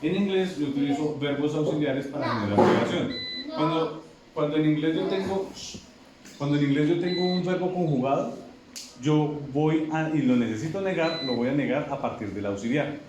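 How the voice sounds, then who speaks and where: This classroom lecture on English pronunciation comes from a distance with lo-fi, noisy sound and heavy echo. The man speaks at a normal speed in a fairly high voice, going over points repeatedly and checking that the class is keeping up.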